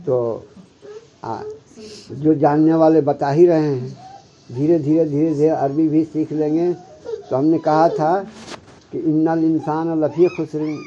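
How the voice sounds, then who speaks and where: A man delivering a devotional sermon in a mellow, very dark voice that sits a little high. He keeps checking in with his listeners and recites Arabic verses slowly. The recording sounds muffled and lo-fi, with a faint hiss underneath. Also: steady tone. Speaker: Sufi spiritual guide.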